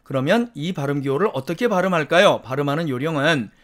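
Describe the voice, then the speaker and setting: A man teaching English pronunciation in a lecture, explaining slowly and deliberately and repeating practice words several times. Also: fairly high pitch, lively intonation. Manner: slow, deliberate explanations with repeated word drills.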